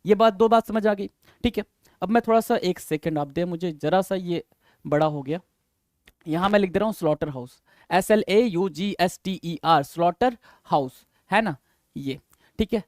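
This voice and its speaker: High-voiced teacher, dry close sound. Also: male voice, normal speed, darkish tone, no room sound. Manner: repetitive, coaxing, addresses learners as sir and brother. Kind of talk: vocabulary lesson.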